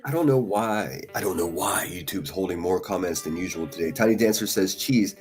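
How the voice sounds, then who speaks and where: A man with a deep, slightly mellow voice speaks animatedly and fairly quickly, with faint music behind him. Sitting at a desk in front of a laptop on a casual live stream, he reads viewer comments, blunt and profane, talking passionately and often restarting sentences.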